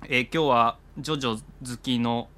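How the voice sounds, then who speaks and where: A man's voice: mid-range voice, steady tone, normal speed, pushed and bright. A young man co-hosting a casual talk show, reading out listener mail and chatting about it. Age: young adult.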